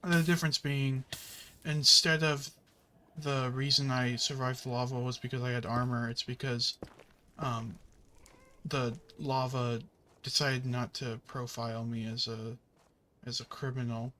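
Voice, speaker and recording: A man talks slowly over his gameplay in a bright, forceful voice, wandering from thought to thought with plenty of fillers. Now and then he swears at the game. A faint hiss of noise sits under the voice. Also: medium pitch, flat delivery. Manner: rambling and chatty, with many fillers and restarts. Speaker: gaming channel host. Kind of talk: casual commentary while playing a video game.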